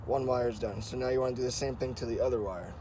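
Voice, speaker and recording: On a how-to car channel, the host keeps things casual and informal, repeating instructional phrases as he explains each step. He's a fast talker with a medium-pitched, dark voice, recorded with a little hiss or hum.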